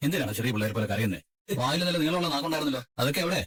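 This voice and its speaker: A man's voice: fairly high pitch, expressive, very fast, a bit bright, husky. A man voicing a tough, protective young man who talks bluntly and scolds, in a fan-dubbed drama. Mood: scolding.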